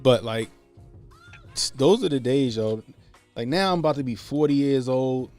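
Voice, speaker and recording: A man's voice: medium pitch, normal speed, darkish tone, faint music behind. A man in his late thirties from the Baltimore area, hosting a podcast and telling profane, laid-back stories in casual chat. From Baltimore area, USA. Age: 30s. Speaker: podcast host.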